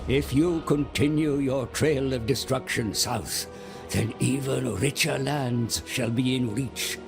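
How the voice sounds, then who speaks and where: Dramatic music plays beneath a man narrating a dark fantasy game as a servile, scheming seer serving demonic warlords. His mid-range voice is gravelly and creaky, and he speaks theatrically and deliberately, flattering his masters while ominously urging slaughter.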